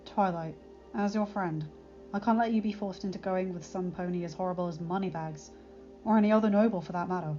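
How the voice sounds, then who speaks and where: A woman voicing an earnest young male pony guard who speaks in a gentle, reassuring way, in a slightly dull recording with faint music. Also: fairly low pitch, a little fast, lightly acted.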